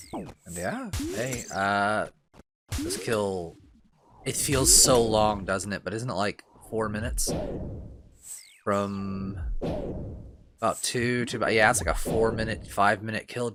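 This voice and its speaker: Over music, a man who hosts a gaming channel narrates his gameplay in a low, expressive voice, going slowly and pausing often. Still fighting a lingering cough and itchy throat, he rambles self-deprecatingly, full of fillers and false starts.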